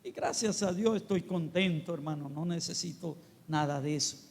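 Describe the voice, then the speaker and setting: A man's voice: a little high, normal speed, vocal fry, darkish tone. A male pastor with a Colombian Spanish accent preaching a sermon, often calling out to his listeners as brothers. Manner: preachy, repeatedly addressing the congregation as brother. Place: church. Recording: long hall reverb.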